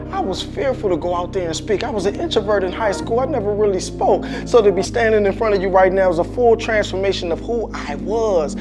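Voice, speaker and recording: A man coaching on public speaking in a fervent, preacher-like way, calling out "come on" and restarting his words. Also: high-pitched. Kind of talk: faith-based motivational talk. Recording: clear music bed under voice. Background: music.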